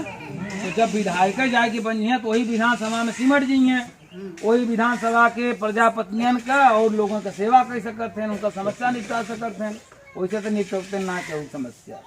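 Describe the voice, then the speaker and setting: A man addresses villagers outdoors, his voice sitting high. He argues with rhetorical questions and homely comparisons. A faint hum of outdoor noise runs underneath. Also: normal speed. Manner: rhetorical questions, folksy analogies, rural dialect words. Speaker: party organizer addressing villagers. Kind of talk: village meeting speech.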